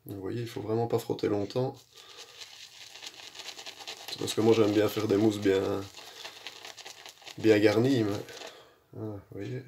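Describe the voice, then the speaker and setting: A man with a low, gravelly voice talks through his shaving routine in an easygoing, wandering way. He pauses on fillers and slips in self-mocking remarks, over a faint hiss in the background. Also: flat delivery, warm tone. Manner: rambling, many fillers, self-deprecating asides. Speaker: shaving vlogger. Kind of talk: casual how-to commentary.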